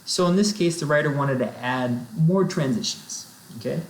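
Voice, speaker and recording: With a fairly high pitch and normal speed, this man lectures on sentence structure as a writing instructor, frequently dropping "right?" and "okay?" to check in. The recording has a roomy echo and a bit of faint noise.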